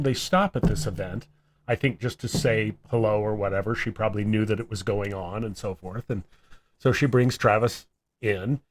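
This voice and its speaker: A man co-hosting a podcast, telling a family story in a rambling, casual way, full of fillers and chuckles. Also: medium pitch.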